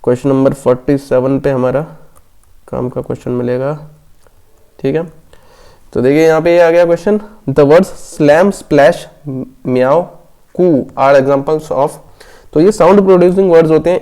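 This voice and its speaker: This exam prep teacher has a slightly high, steady, mellow and smooth voice. Going through exam questions in a Hindi lesson, he reads them slowly, explains every answer, and frequently asks "theek hai".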